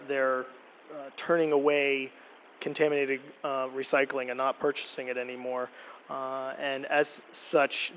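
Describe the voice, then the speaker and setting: A middle-aged man speaks at a podium microphone in a council meeting room, walking the council through figures in a plain explanatory way. His delivery is fairly flat in pitch, with frequent ums and restarts. Faint room ambience sits behind him. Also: slight background noise, low-quality recording. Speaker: borough official presenting to council. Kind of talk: public meeting presentation.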